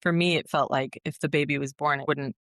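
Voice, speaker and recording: A woman's voice: low-pitched, fairly even intonation, fairly quick, fairly bright tone, no room sound, studio quality. A woman in her thirties, a podcast guest, telling a personal story earnestly and emotionally, with many fillers and restarts.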